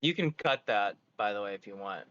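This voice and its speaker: A man's voice: lowish voice, lively intonation, brisk, a bit bright. A man in casual podcast chat, blunt and opinionated. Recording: slightly dull lo-fi mic.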